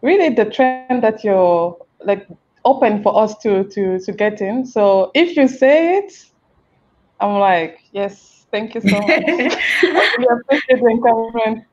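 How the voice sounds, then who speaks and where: A woman from Cameroon in her thirties, speaking as a guest in a casual video-call interview, animated and warm, with many fillers and restarts. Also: a little high, unhurried. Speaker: interview guest, feminist strategist. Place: indoor room with a plain wall. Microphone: headset on a video call. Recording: muffled video-call audio.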